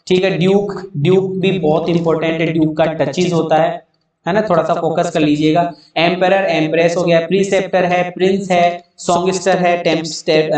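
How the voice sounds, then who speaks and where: A man's voice: high-pitched, very echoey, distant mic. A man teaching an online English grammar lesson, spelling words out letter by letter and answering his own questions.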